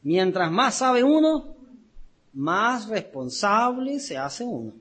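A man delivers a sermon in a high, husky voice, unhurried and deliberate. He reads scripture aloud and dwells on key words, repeating them for weight. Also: very animated, fairly bright tone. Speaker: preacher. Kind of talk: sermon with Bible reading.

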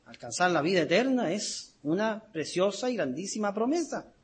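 A man preaching a sermon, reading scripture aloud and explaining words slowly and deliberately, repeating key terms for emphasis. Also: high-pitched, sing-song, slightly rough.

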